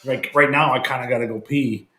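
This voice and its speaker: A man's voice: medium pitch, fairly even intonation, fairly quick, pushed and bright, echoey room. A man co-hosting a casual chat, joking around and laughing often. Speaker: co-host.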